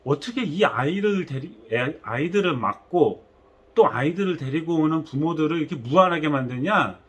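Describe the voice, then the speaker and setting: Man playing an angry teacher, stern, scolding, husky, swinging pitch. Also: big pitch swings, takes it slowly, full character voice. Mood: angry rebuke. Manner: stern, rebuking, rising to sharp outbursts. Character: angry male teacher scolding his followers.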